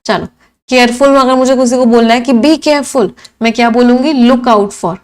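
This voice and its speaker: A woman's voice: on the high side, steady tone, normal speed. Lady teacher going over english words for exams, asks then answers herself, repeats meanings a lot. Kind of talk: exam-prep vocabulary lesson in Hindi-English mix.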